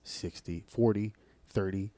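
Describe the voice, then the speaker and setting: A man co-hosting a casual talk show, telling stories in an animated, profane way with restarts. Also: fairly low pitch, unhurried, no echo. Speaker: podcast co-host. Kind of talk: casual chat.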